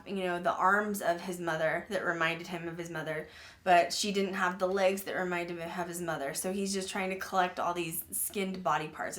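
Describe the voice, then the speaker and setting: Hosting a paranormal podcast, this woman relates a disturbing case casually, her mid-range voice fairly bright. She wanders with heavy use of "like" and "um," clears her throat repeatedly, and notes she's losing her voice, all while sounding uncomfortable and apologetic about the material.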